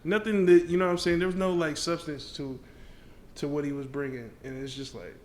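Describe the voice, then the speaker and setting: A man's voice: fairly high pitch, steady tone, fairly quick, darkish tone. A man co-hosting a casual podcast chat, laid-back and slangy, often trailing off. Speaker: podcast co-host.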